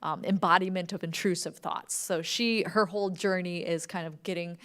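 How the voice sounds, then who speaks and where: Speaking at a library event before an audience, this woman, a podcast creator on a panel, talks informally and with enthusiasm, frequently saying "like". Her voice is on the low side with a fairly bright tone, fairly even intonation, and a moderate pace.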